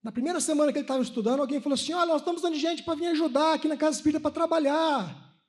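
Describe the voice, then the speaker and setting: A Brazilian man in his thirties gives a sermon-like spiritist lecture in a lecture hall at a religious conference. His voice is very high-pitched and rapid-fire as he tells personal stories in an animated way, acting out the dialogue.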